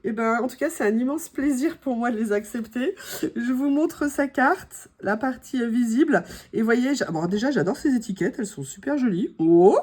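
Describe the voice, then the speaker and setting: Somewhat high-voiced French woman, a little hoarse, gushing casual vlog chat. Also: lively intonation, normal speed, a little mellow. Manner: chatty, gushing, many fillers. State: slightly hoarse. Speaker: craft vlogger opening mail.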